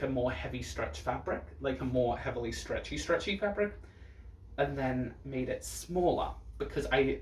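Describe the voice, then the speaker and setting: Sassy and campy, a drag performer casually and bluntly reacts to looks in a mid-range voice. Heard from a distant microphone, the audio has roomy echo and a little hiss or hum.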